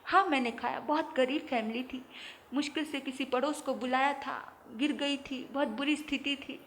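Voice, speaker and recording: Emphatic high-voiced woman preacher. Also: fairly even intonation, moderate pace, slight background noise. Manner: emphatic, repeats key phrases. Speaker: religious preacher. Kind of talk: sermon with a told story.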